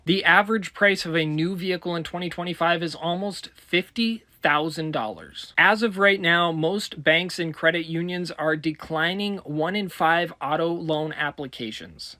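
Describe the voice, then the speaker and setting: A man's voice: on the high side, pushed and bright, no room sound. A man narrating a scripted list about car buying with emphatic, blunt delivery. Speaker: car finance video presenter.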